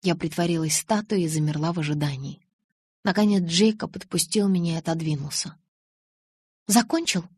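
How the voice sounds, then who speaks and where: A woman narrating an audiobook in an expressive storytelling manner, close to the mic. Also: deep voice, fairly quick, breathy edge, no echo.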